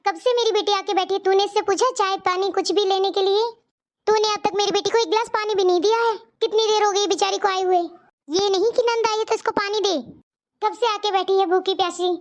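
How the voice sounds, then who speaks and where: A woman voicing a stern, scolding middle-aged mother-in-law in a cartoon story, with a high, squeaky voice that sits lower than the other characters. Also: fairly even intonation, brisk. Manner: nagging, accusing.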